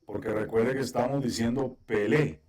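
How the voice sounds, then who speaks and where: A man's voice: medium pitch, normal speed, a little mellow. A man teaching a Biblical Hebrew class over a video call, explaining patiently step by step and often checking with his students. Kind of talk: online class instruction.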